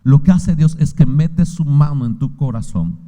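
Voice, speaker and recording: A man's voice: a little high, normal speed, warm tone. A man with a Mexican accent preaching a sermon as pastor, firing rhetorical questions at his listeners with fervor. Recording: long hall reverb.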